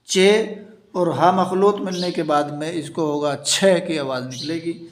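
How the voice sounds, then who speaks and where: A man teaching an Urdu reading lesson, slowly sounding out letters and repeating each sound. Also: a little high, slight background noise. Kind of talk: slow step-by-step reading lesson. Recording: echoey room.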